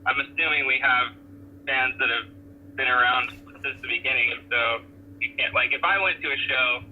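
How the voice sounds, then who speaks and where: A touring band member, a man with a mid-range voice speaking at normal speed, answers interview questions over a hands-free Bluetooth call while driving. He sounds laid-back, full of fillers and restarts. The car's Bluetooth line is tinny, with faint noise.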